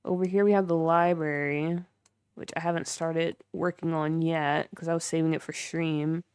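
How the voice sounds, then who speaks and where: In a low, dark-toned but clean voice, a young woman gives a level, normal-paced walkthrough of her game build on a livestream, filling it with chatter and filler while engaging viewers. The audio is studio quality with no room sound.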